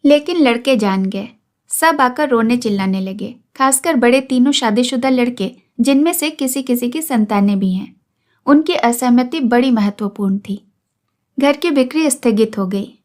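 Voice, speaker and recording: High-pitched lady narrating a story, steady measured reading. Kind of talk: read-aloud story narration.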